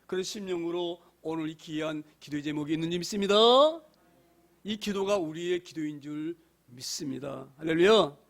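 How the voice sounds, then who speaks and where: A middle-aged male pastor delivering a fervent sermon in a fairly high voice. He punctuates his points with hallelujahs and swings between loud, pressing passages and hushed, soft ones. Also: moderate pace. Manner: fervent preaching, repeated hallelujahs, rising and falling loudness.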